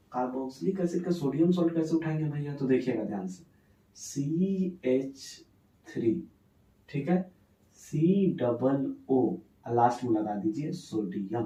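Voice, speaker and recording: A man's voice: a little high, mellow. A male chemistry teacher at a whiteboard who asks his students questions and answers them himself, counting atoms aloud one by one. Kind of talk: whiteboard lesson. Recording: echoey room, distant mic.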